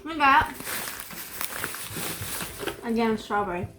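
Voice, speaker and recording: A woman's voice: a little high, animated, slow, roomy sound, background noise. A young woman vlogging casually, chatting and eating snacks as she talks. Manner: chatty, eats while talking. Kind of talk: casual snack-tasting vlog.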